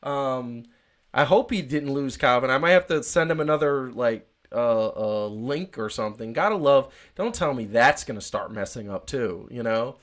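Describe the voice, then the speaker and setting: A man's voice: mid-range voice, lively intonation, moderate pace, a bit bright. A man hosting a casual podcast, rambling with many fillers and restarts. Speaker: podcast host.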